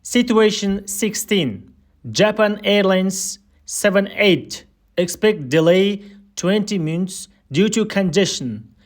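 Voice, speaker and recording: Scripted air traffic control phrases are read by a high-voiced male instructor for a listening drill, unhurried and deliberate.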